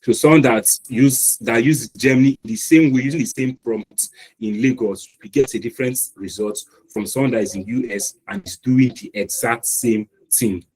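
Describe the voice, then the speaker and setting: A man's voice: medium pitch, normal speed, darkish tone, husky, rough recording. A man with a Nigerian accent teaching an online class, explaining step by step with fillers and restarts. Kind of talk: live online lecture. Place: online meeting call.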